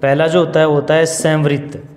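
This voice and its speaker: A man teaching Hindi grammar in a slow classroom style, asking questions and answering them himself and going over each point again. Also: on the high side, little pitch movement, a little mellow, echoey room, long reverb tail. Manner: repeats and restates points, asks questions then answers them. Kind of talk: slow, repetitive classroom explanation.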